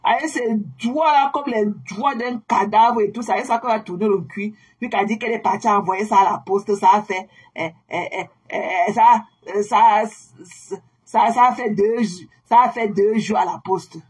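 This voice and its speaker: At medium pitch and a moderate pace with hardly any pauses, this woman's darkish, slightly rough voice delivers a mocking rant at a rival. As an online commentator she repeats her insults scornfully and drawls words to sneer.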